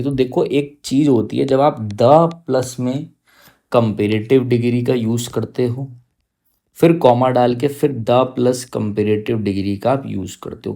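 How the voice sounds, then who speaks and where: In a gravelly, mellow, medium-pitched voice, a man teaches an exam-prep grammar lesson. He coaxes and teases his students while explaining, stretching out each English example slowly so they can keep up.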